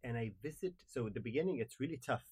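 A man's voice: medium pitch, expressive, a little mellow, slightly rough, no echo. A man with a Gulf Arabic accent and Arabic as his first language, speaking hesitantly in a casual group conversation. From Kuwait. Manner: hesitant, halting. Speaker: discussion panelist.

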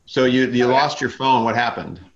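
A man's voice: medium pitch, moderate pace. A man interviewing a guest on a video call. He teases lightly and often restarts his sentences. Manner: teasing, with stammering restarts. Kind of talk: casual interview. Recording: dull lo-fi video call audio.

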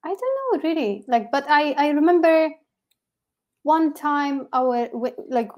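A woman from Yemen, a blogger and journalist, telling her story in an animated interview with many restarts. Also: high-pitched, a little slow. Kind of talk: conversational interview.

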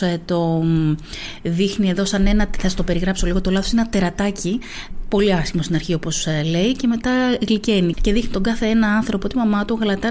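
A woman reads a children's picture book aloud, her voice lifting and dropping to act out the lines, sometimes sinking to a hushed whisper. Between passages she chats in a loose, friendly way, with small fillers. Her pitch sits in the middle for a woman. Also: slight background noise. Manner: expressive reading, voicing quotes with pitch lifts and whispers; casual, chatty comments with fillers after the reading. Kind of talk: storybook read-aloud.

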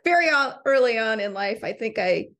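A woman co-hosting a podcast in casual chat, telling stories with animated delivery and frequent laughter. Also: fairly high pitch, normal speed. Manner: storytelling, animated, laughs often. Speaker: podcast co-host and coach.

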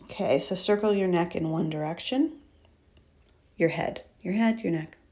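A woman leading a guided breathing and relaxation exercise, giving gentle instructions with candid, informal asides. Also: lowish voice, normal speed.

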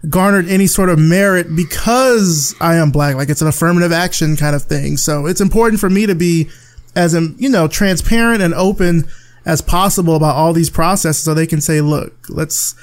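Candid Southern man, higher voice. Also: normal speed. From rural Alabama, USA. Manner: candid, thoughtful, frequent restarts. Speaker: podcast guest. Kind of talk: casual conversation.

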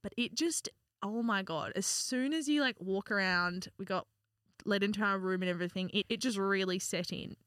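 A young woman with an Australian accent, co-hosting a podcast and telling animated stories with frequent laughs. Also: medium pitch, moderate pace, no echo, clean studio sound. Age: young adult. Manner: animated storytelling, laughs often. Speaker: podcast co-host. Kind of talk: casual chat.

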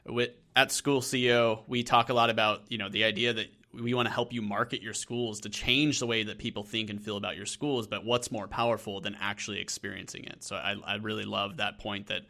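A man's voice: lowish voice, steady tone, brisk, hardly any pauses, sharp tone. A man hosting a podcast interview, musing in long, casual sentences and checking in with "right?". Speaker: podcast host.

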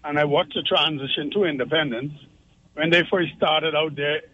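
A man's voice: on the high side, normal speed, narrow, tinny audio, a little hiss or hum. A man, calling a radio show and making his points earnestly, with frequent repeats and tag questions like "all right?". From Turks and Caicos Islands. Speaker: radio caller. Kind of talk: call-in opinion.

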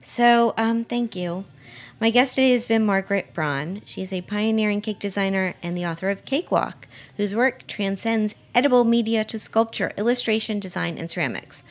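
A woman's voice: medium pitch, normal speed. A woman hosting a food radio show, chatting casually with her guest and restarting her sentences often. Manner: chatty with frequent restarts and laughs. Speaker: podcast host. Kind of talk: casual radio interview chat.

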